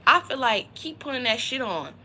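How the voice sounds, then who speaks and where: A woman's voice: high voice, very animated, normal speed, sharp tone, slight background noise, poor audio. A woman giving a casual, motivational tarot reading on a livestream, talking in a slangy, conversational way. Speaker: tarot reader.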